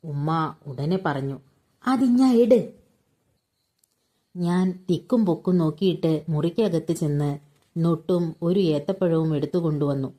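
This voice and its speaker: Low, mellow woman reading a story. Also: steady tone, moderate pace. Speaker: story reader. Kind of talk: reading a short story aloud.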